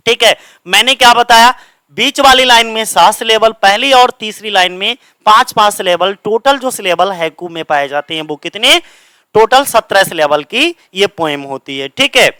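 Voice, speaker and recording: A man's voice: high-pitched, bright, forceful tone, clear, resonant tone, dry recording, poor audio. A man with a Hindi accent teaching literature for exam prep at a coaching centre, asking questions and answering them himself while mixing English terms into his Hindi.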